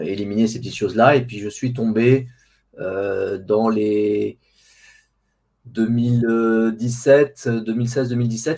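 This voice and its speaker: A man with a warm, mid-range voice answers casually as a guest in an interview; he administers an online diet group. He's hesitant, often repeating words while he searches for the next one.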